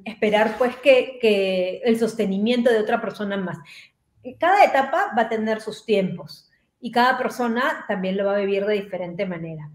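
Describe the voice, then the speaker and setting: A woman speaking as a guest, explaining the stages of grief in a measured, step-by-step way. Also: on the high side, roomy sound.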